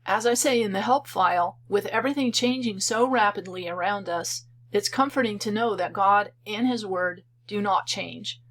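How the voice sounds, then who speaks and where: A woman narrates a screen-recorded tutorial for a program she built. Her voice sits in an ordinary middle pitch. She talks calmly and methodically, explaining each step in turn. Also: normal speed, hardly any pauses. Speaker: software creator demonstrating her program.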